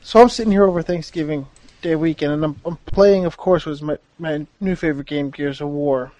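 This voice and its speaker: A man co-hosting a gaming podcast, talking in an energetic, excitable way. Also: on the high side, brisk, dry recording. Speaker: podcast co-host. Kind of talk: casual chat.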